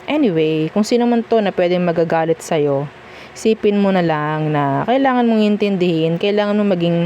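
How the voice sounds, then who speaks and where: The recording is muffled, with a faint hiss or hum, as a woman with a lowish, mellow voice reads tarot at a moderate pace. Her Filipino accent comes through as she blends Tagalog and English, staying chatty and reassuring and frequently tossing in "okay?".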